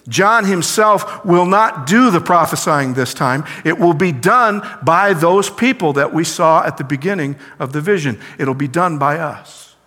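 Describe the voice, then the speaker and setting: A man's voice: a little high, animated, unhurried, few pauses, pushed and bright, big-room sound. A man preaching a sermon who poses questions to the congregation and answers them himself.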